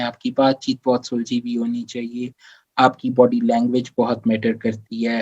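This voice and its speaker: In lo-fi sound, a man with a fairly high pitch gives career advice during a live Q&A workshop. His explanations go step by step, sprinkled with English phrases and frequent "theek hai" check-ins.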